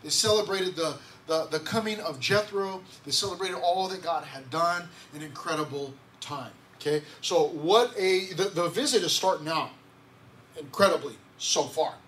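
Male pastor, high voice, easygoing sermon with restarts, faint hiss behind. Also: normal speed, a bit bright. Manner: conversational, repeats words, asks the congregation questions. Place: church sanctuary.

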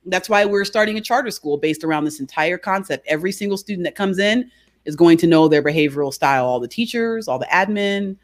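A woman speaking as a guest in an interview, a behavior coach who explains her ideas through lively stories and keeps asking "right?". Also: fairly low pitch, fairly quick. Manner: animated storyteller, frequent "right?". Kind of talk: conversational interview.

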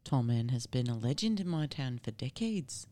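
A woman's voice: a bass voice, very animated, moderate pace, mellow. A woman casually reading a scary story aloud, with playful, informal asides. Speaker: story reader.

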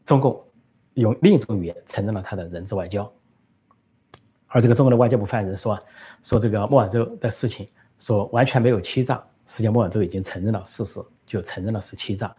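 A man's voice: lowish voice, quick pace, dark tone, husky. A man giving political commentary and answering live questions, talking conversationally with many fillers.

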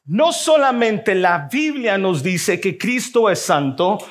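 High-voiced, slow-preaching male pastor. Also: lively intonation. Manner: preaching slowly, addresses the congregation, reads scripture aloud. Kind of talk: sermon.

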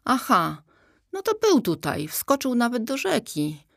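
A woman's voice: a little high, huge pitch swings, a little slow, vocal fry, fairly bright tone, no room sound, studio quality, voice pushed up, exaggerated voice. A woman voicing a cocky, laid-back male river toad in a children's audiobook, with a slangy, easygoing manner. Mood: breezy.

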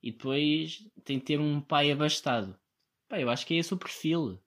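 A man's voice: a little high, moderate pace. A young man with a European Portuguese accent, hosting a solo podcast in a rambling, sarcastic way. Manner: sarcastic, mocking impressions of others; rambling and animated. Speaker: podcast host. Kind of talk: casual solo podcast monologue.

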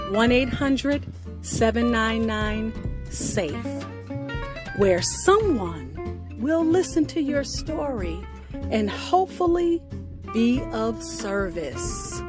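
On the higher side in pitch, this female radio host delivers her words with deliberate emphasis and dramatic pauses, in the manner of scripted spoken word.

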